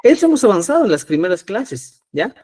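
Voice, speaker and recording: A man from Peru teaching a live online class, patiently explaining and often checking understanding with a quick "¿ya?". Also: high-pitched, big pitch swings, a little mellow. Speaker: Quechua teacher.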